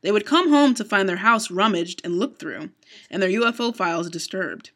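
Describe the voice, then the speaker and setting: A woman's voice: medium pitch, animated, normal speed, fairly bright tone. A woman co-hosting a casual podcast, narrating paranormal stories from her notes with small stumbles and easy laughs. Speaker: co-host.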